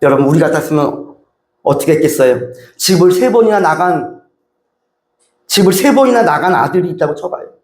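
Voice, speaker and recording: High-voiced pastor preaching in an echoey church. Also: male voice, animated, fairly quick, a little mellow. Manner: emphatic, with many rhetorical questions to the congregation. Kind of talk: sermon. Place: church sanctuary. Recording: roomy church echo.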